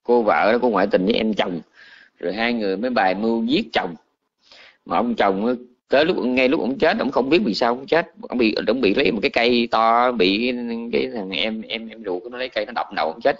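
A man, a Buddhist monk, telling a story in a colloquial, animated sermon. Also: mid-range voice, a little fast, muffled recording.

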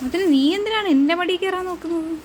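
A woman vlogging at home, talking to her pets in sing-song baby talk and calling herself their mother, then explaining things to viewers in a softer voice. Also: quick pace, a little hiss or hum. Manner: narrates to viewers in a softer, lower voice. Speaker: pet vlogger. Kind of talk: casual vlog talk to pets.

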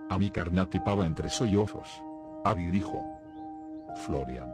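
A man narrating an audiobook in a steady storytelling delivery. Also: low voice, moderate pace. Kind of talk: scripted narration. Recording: music playing behind the voice.

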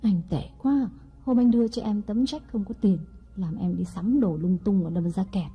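A woman voicing a scheming young wife in an audiobook story, speaking in a sweet, deliberate way. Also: medium pitch, dark tone, slightly rough. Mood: coaxing. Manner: sweet-talking, slow and deliberate. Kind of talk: audiobook character reading.

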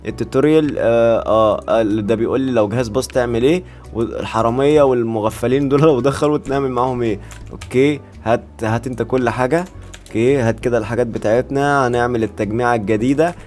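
A man's voice: mid-range voice, fast talker, a little mellow, faint music behind. A man with an Egyptian Arabic accent giving casual gameplay commentary, joking and talking straight to his viewers. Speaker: gaming YouTuber.

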